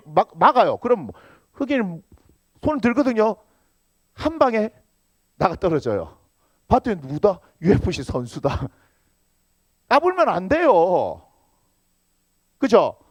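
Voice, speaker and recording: A male pastor delivers a sermon in a high, lively voice that leaps around as he teases the congregation. He fires rhetorical questions at them. The sound is close and dry. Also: no echo. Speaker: senior pastor.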